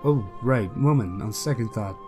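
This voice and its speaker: A man voicing a paranoid, conspiratorial young male student in a game playthrough, in a gruff, dismissive way. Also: on the low side, moderate pace, over music, natural voice.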